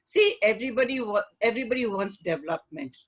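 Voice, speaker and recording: A middle-aged woman with an Indian accent talks as a guest in a conversational interview. She phrases things haltingly and often tags them with "you know". The audio is dull and lo-fi, as on an online call. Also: medium pitch, animated. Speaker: guest, image consultant.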